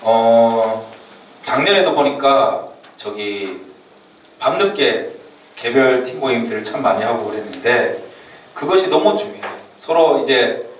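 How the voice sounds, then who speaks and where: A man gives a casual lecture to a church youth group in a very echoey room, heard from some distance away with faint background noise. He talks at an ordinary pitch, chatting freely and laughing often as he explains. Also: animated, measured pace. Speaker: church youth mission trip trainer. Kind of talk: informal orientation lecture. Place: church meeting room or hall.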